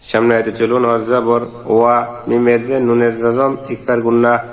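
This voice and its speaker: A man teaching Quran reading. He spells out letters and vowel marks one by one, then chants each verse slowly. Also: medium pitch, monotone. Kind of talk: step-by-step recitation lesson.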